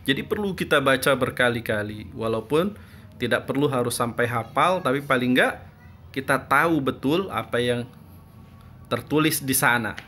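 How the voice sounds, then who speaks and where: Bright-voiced male teacher explaining. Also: medium pitch, animated, moderate pace, a little hiss or hum. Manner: explanatory, asks and answers own questions. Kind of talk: classroom lesson.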